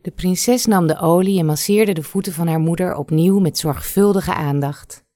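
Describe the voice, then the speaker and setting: A woman reads a fairy tale aloud, slow and measured. Her voice is fairly low, and the sound is dry and close. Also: mellow, dry recording.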